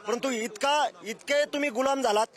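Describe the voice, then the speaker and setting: A man protester speaking angrily and loudly in a street interview. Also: very high-pitched, moderate pace. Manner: angry, loud. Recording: outdoor crowd noise.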